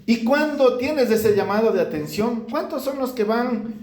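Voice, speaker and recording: A male pastor delivering a lively sermon to his congregation, acting out pleading prayers as he preaches. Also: very high voice, unhurried. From Ecuador. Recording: echoey church room.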